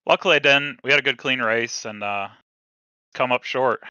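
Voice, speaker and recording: A man speaking in a post-race interview as the runner-up, relaxed and friendly, a bit halting. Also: mid-range voice, smooth, no room sound, dull audio. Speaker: second-place racer.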